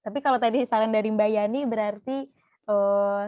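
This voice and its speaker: A woman's voice: medium pitch, fairly even intonation, normal speed. Woman podcast host, Indonesian accent, chatty questioner, slightly muffled audio. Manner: friendly questions, laughs often. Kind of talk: casual podcast interview.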